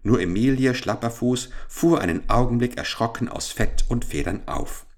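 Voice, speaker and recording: A man narrating a children's story in a calm, measured, gently ironic way. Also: medium pitch.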